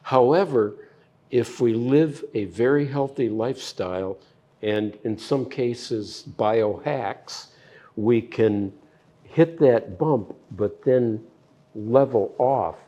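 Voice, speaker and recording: Slow, mellow-voiced older man explaining. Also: fairly low pitch. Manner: slow, measured explanations with plain analogies. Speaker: physician guest. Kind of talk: explaining health science in an interview.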